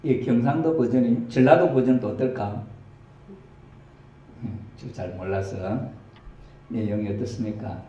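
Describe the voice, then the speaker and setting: Man, pastor, sermon lecture, slow and halting, mellow voice, echoey church hall. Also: mid-range voice, highs cut off. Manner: halting, with many fillers and pauses. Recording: roomy hall with faint hiss.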